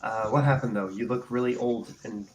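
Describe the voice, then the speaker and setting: A man's voice: mid-range voice, steady tone, normal speed, slight background noise, rough recording. A man playing in a tabletop role-playing game, speaking in casual in-character banter. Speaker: player in a tabletop game show.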